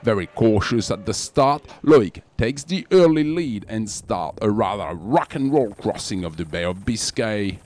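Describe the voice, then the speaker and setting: French-accented male presenter, measured dramatic news read. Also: fairly low pitch, animated, a little mellow. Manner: measured, dramatic voice-over delivery. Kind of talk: scripted sports news narration.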